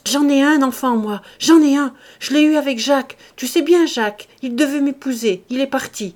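A tearful young peasant wife from an old storybook, sobbing out her words in a raised, high voice, as a woman reader puts her on. She pleads, loud and strained. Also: normal speed, lightly acted. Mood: pleading, tearful.

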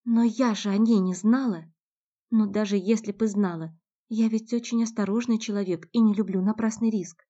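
A woman's voice: mid-range voice, fairly even intonation, moderate pace, pitched above the performer's own voice, lightly acted. A woman narrator voicing a firm, fiery young woman who pleads, threatens and commands in a raised voice. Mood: defensive. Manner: commanding, rising to shouts. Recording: dull lo-fi recording.

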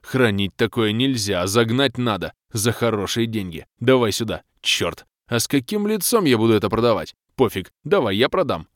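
A man voicing a greedy, gruff male adventurer who growls out blunt demands. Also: on the low side, big pitch swings, moderate pace, few pauses, no room sound, studio quality.

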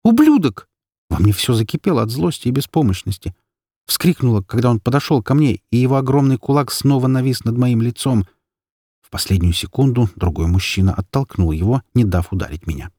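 A man narrating a novel in the first person in a steady, measured reading voice. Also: mid-range voice, husky, no echo, studio quality. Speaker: audiobook reader.

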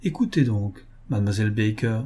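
A man reading a witty young gentleman. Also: fairly low pitch, expressive, fairly quick, husky. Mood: playful. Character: young Englishman, witty and teasing.

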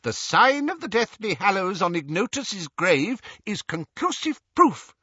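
A man's voice: high-pitched, big pitch swings, unhurried, bright, forceful tone, husky, dry recording, pitched above the performer's own voice, full character voice. A man reading an audiobook, voicing an eccentric older wizard who lectures pedantically. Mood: pedantic. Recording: dull, dry audiobook recording.

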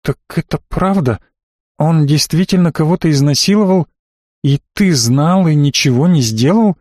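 A man's voice: a little high, moderate pace, a little mellow, no echo, studio quality, natural voice. A man reading an audiobook, voicing an indignant young noblewoman with a raised voice. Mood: outraged. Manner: raised voice, outraged pleading. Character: young red-haired noblewoman, fiery and indignant.

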